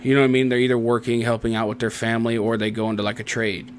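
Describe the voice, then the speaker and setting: A man's voice: mid-range voice, completely flat delivery, rapid-fire, slight background noise. Country-accented Southern man, rambling chat. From Tennessee. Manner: rambling, frequent "you know what I mean". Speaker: podcast co-host. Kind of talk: casual chat.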